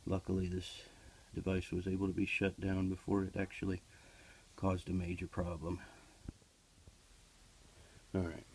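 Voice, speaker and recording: Low, slow-talking repair man. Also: completely flat delivery, darkish tone, a little hiss or hum, low-quality recording. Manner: plain, practical explaining with frequent uh fillers. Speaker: HVAC technician. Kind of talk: hands-on repair tutorial. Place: basement furnace area and workshop floor. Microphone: camera held by the speaker while working.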